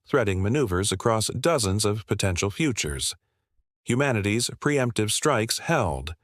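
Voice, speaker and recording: A man narrating a scripted sci-fi war story in a steady, dramatic way. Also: fairly low pitch, no echo, studio quality.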